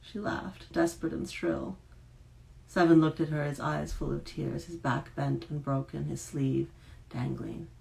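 Woman reading a dark fairy tale. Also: sits low, fairly even intonation, measured pace, vocal fry, rough recording. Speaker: author reading her novel aloud. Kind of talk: live fiction reading.

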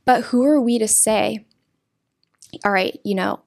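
Her voice is a little high and a little mellow, with vocal fry and a slightly slow pace, as this young pro-life activist talks earnestly and emphatically about her faith. She's being interviewed for a podcast in a studio with green curtains, sitting close to a desk mic on a boom arm.

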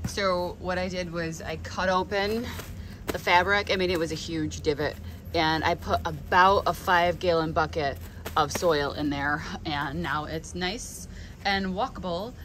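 A woman's voice: on the low side, fairly even intonation, a little slow, fairly bright tone, slight background noise. Chatty American woman vlogging in a greenhouse. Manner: chatty and enthusiastic, many ums and restarts. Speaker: flower farmer and nursery owner. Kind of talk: casual vlog walkthrough. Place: large greenhouse nursery. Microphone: handheld phone at arm's length.

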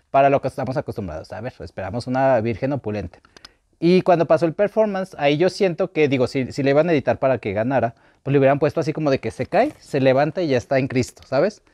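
A young man with a Mexican accent chatting campily about a drag show, gossipy and expressive. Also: medium pitch, no room sound. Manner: campy, gossipy, expressive with big laughs. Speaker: drag reality show panelist. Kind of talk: casual chat.

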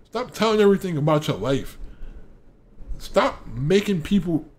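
A man's voice: sits high, very animated, moderate pace. A young man ranting casually to camera, preachy, repeating phrases and acting out other people's voices. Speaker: vlogger giving life advice.

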